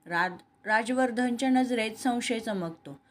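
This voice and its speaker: Woman narrating a romantic story, higher voice. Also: a little slow, slight background noise. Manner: reads all characters in her own voice. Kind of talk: scripted story narration with dialogue.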